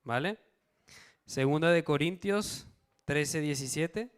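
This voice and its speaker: Speaking slowly in a fairly high, clear and resonant voice, a man leads a Bible study sermon for his church congregation. He reads out verses, poses questions to the listeners and checks in with them.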